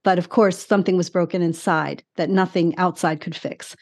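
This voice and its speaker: A woman's voice: fairly low pitch, fairly even intonation, moderate pace. A woman in her sixties giving candid personal testimony as an interview guest, telling her story emphatically with short repeated phrases. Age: 60s.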